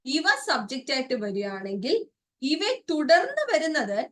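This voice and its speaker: A woman's voice: sits high, very animated, moderate pace, far from the mic. A woman with a Malayali accent teaching an English grammar lesson for exam prep, explaining step by step and asking checking questions.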